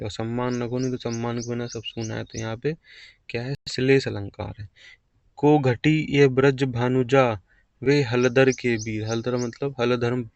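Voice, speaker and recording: A man's voice: mid-range voice, a little mellow, no echo, dull audio. A man teaching an exam-prep grammar lesson, explaining patiently and repeating key phrases.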